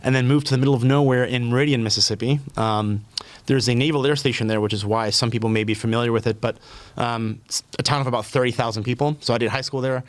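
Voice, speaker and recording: This podcast guest, a thirtysomething man from Puerto Rico, talks loosely in a conversational interview, often saying um and starting over. His voice is mid-range and quick-paced, with no room sound.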